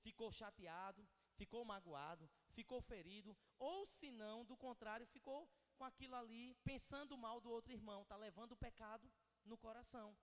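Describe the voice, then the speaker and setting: A Northeastern Brazilian pastor with a strikingly high voice preaches from the pulpit. He talks with lively energy and slips into little acted-out exchanges between people. His voice rings through a big hall with a long reverb trailing each phrase. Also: moderate pace. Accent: Northeastern Brazilian Portuguese. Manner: animated preaching, acts out quoted dialogue. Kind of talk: sermon. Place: large church hall.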